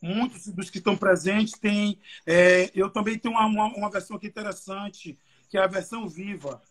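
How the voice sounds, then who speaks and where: Preaching at a live-streamed youth church service, this evangelist speaks a little fast in a high, steady voice with a Brazilian Portuguese accent. His sermon is emotional and conversational, full of fillers.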